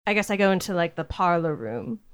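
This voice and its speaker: A woman's voice: on the low side, a little fast, smooth. A woman player in a tabletop game podcast, casually role-playing a haughty lady of the manor. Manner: lively, bossy lady-of-the-manor banter. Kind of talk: casual in-character role-play chat.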